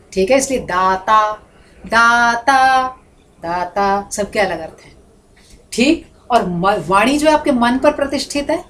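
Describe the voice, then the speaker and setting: Higher-pitched woman teaching a lecture class. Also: a little hiss or hum. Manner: explanatory, switches into demonstrative examples and recitation. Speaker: Sanskrit teacher.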